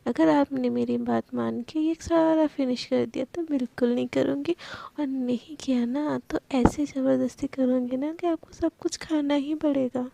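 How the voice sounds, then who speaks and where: A playful young woman boss, bossy and coaxing, as a woman storyteller voices her. High-pitched and gravelly with a mellow, dark tone. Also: steady tone, normal speed, slight background noise.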